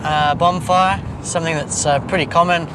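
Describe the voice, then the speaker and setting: A man's voice: fairly high pitch, fairly even intonation, moderate pace. A man with a New Zealand accent, a police officer talking casually and matily outdoors amid street noise. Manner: matey, plain-spoken. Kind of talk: casual, unscripted on-the-job talk. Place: on patrol outdoors and by car. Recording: noisy outdoor street and vehicle sound.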